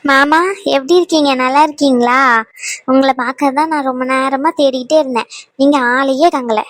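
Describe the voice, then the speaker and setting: A woman's voice: sits high, fairly even intonation, fairly quick, no echo, lightly acted. A woman voicing an eager, chatty young female cousin in a cartoon. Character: young woman, cousin still keen on her uncle's son.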